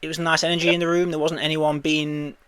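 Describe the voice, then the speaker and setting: A young man from England chats casually as co-host of a movie podcast. His voice sits a little high, and he laughs easily between his points. The sound is close and dry, with no room around it. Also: little pitch movement, quick pace, fairly bright tone, smooth, no echo. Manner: chatty, laughs often, acts out quotes in high squeaky voices. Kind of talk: casual chat.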